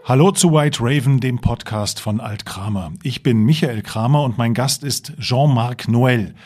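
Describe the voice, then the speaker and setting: A man hosting a podcast interview, asking clear, measured questions. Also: medium pitch, darkish tone. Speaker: podcast host.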